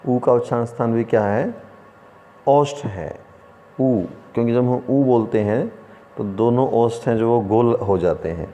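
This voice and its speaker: A man teaching an online lesson, who explains slowly by asking questions and then answering them himself. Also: mid-range voice, warm tone, soft background music. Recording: room with long reverb.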